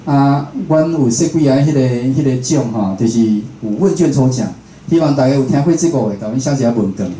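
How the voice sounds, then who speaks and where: This is a Taiwanese man, a radio host, giving a casual, conversational public lecture indoors to a live audience. He talks fairly quickly in a dark-toned, medium-pitched voice, and the recording has room echo and clear background noise.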